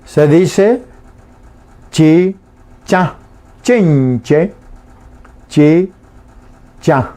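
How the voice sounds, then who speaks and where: Slow, patient male radio teacher. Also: a little high, expressive, mellow. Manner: slow, repeats each word twice with pauses. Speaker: Guaraní language teacher. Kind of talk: slow radio language lesson. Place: radio studio.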